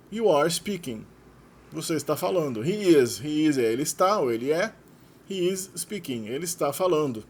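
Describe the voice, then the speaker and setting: A Brazilian man whose first language is Portuguese, patiently explaining English verb forms in a lesson. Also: fairly high pitch. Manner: patient, explanatory, reading out example verbs. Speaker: English teacher.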